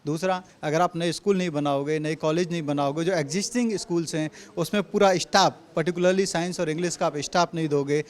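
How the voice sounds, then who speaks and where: A man with a notably high voice and a Delhi Hindi accent, speaking as a party spokesperson in an interview. He answers forcefully and drives each argument home with repeated rhetorical phrases. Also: steady tone, a little fast, hardly any pauses. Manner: assertive, repetitive rhetorical points.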